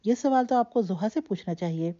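A woman's voice: medium pitch, animated, warm tone, muffled recording, lightly acted. A woman reading the lines of a young man who teases and soothes the aunt he loves like a mother. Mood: playful. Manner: light, playful, soothing. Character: young man, affectionate, teasing nephew.

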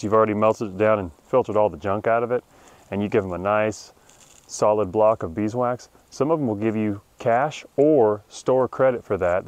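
A middle-aged man with a fairly low, darkish voice hosts a beekeeping channel. He gives an outdoor how-to demonstration of beekeeping chores in a wooded yard, talking plainly and practically. A camera records him from a medium distance.

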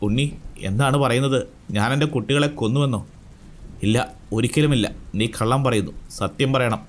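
A man's voice: medium pitch, normal speed, slight background noise, close to an everyday voice. A man voicing a desperate, grieving adult man who pleads in anguish, read within a thriller story.

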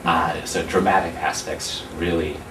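A man's voice: low voice, steady tone, slow. A man interviewing a guest, nervous and talky, asking long rambling questions full of ums in a small press room. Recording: echoey room, distant mic, noise.

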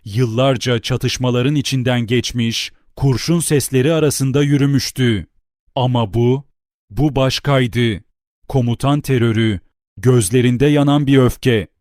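A man reading a novel aloud as an audiobook narrator, in a steady, deliberate storytelling manner. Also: mid-range voice, no room sound, clean studio sound.

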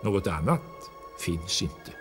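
A man's voice: low voice, expressive, over music. A man voicing a stern, domineering house. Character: the house and its things, cold, domineering.

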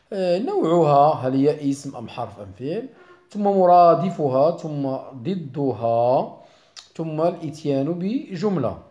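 A middle-aged primary school teacher with a Moroccan Arabic accent goes through a worksheet, explaining it in a warm voice on the high side. He mixes dialect with formal Arabic and often hesitates.

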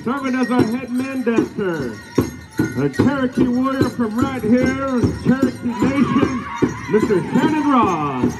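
A man's voice: extremely high pitch, very animated, a little slow, poor audio. A man announcing live as master of ceremonies at an outdoor powwow, addressing dancers in a ceremonial manner over a PA. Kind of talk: live event announcing over drumming and singing. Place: large outdoor grass arena, picked up by spectator camera. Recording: outdoor PA behind loud music. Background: loud powwow music, jingling bells.

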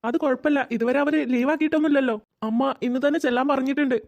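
A woman voicing a calm, matter-of-fact middle-aged husband in a cartoon. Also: high-pitched, very fast, dull audio. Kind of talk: cartoon voice acting.

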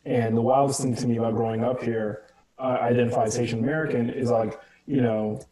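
A man's voice: mid-range voice, fairly even intonation, a little fast, low-quality recording. Middle-aged male moderator over crowd noise. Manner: conversational, searching, many fillers. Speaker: panel moderator. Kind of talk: video-call panel talk. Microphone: wired earbuds on a video call.

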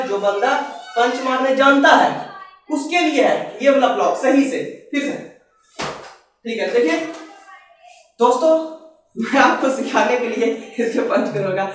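Male karate teacher, fairly high voice, chatty demo patter, distant mic in a heavily echoing room. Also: slight background noise. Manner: chatty, repeats "dekhiye" and "bhai" while demonstrating moves. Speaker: karate instructor. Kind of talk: casual self-defense demonstration. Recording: very echoey room, mic far away.

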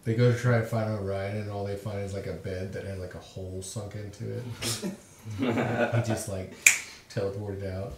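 A man's voice: lowish voice, little pitch movement, fairly quick. A man joking casually as a player in a tabletop game. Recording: echoey, distant mic, faint noise.

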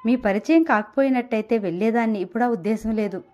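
A woman's voice: fairly high pitch, fast talker, warm tone, lo-fi sound, lightly acted. A woman voicing a lonely, hurt, lovesick married woman who speaks in a wounded, tearful, yearning way, in a story reading. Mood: dreamy.

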